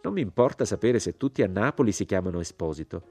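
A man's voice: lowish voice, animated, fast, a little mellow, husky, faint music behind. A man reading as a haughty, moralizing older American society woman, cold and indignant.

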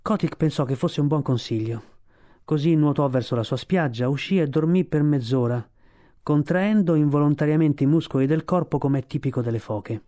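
A man reading a storybook aloud, steady storytelling narration. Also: fairly high pitch, moderate pace. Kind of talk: audiobook narration.

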